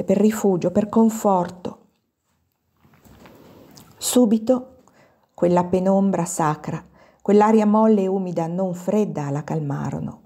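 A woman reading an audiobook in a calm, measured way, with slow pauses. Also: lowish voice. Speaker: audiobook reader. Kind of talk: audiobook narration.

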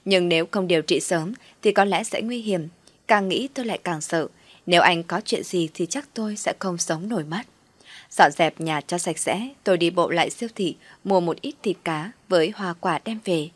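Woman, story narrator, calm, lowish voice, dry recording. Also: moderate pace, no room sound. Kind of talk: first-person story reading.

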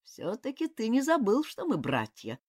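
Scheming male former god, read by a woman, mocking, measured, lively intonation, dry recording. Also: a little high, breathy edge, no echo, pitched above the performer's own voice, heavily acted.

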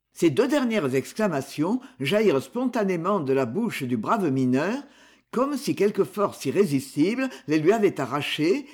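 A man narrating a storybook in an expressive, dramatic reading. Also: on the high side, husky. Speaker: audiobook narrator.

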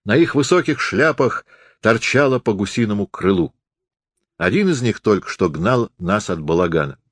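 A man narrating a story in an expressive, story-telling reading style. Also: medium pitch, dry recording.

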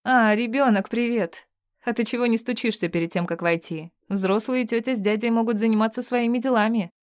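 Woman putting on a shrill, scornful young woman. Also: fairly quick, no room sound, clean studio sound, natural voice. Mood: mocking. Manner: snappy, scornful. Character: rude jealous young woman, shrill and mocking.

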